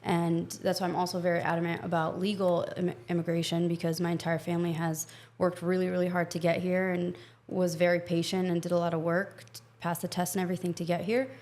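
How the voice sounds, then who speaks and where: Female interview guest from Egypt with a low, creaky voice; blunt and opinionated. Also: little pitch movement, a little mellow. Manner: frank, opinionated, talks in quick bursts. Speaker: podcast guest. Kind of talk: casual interview conversation.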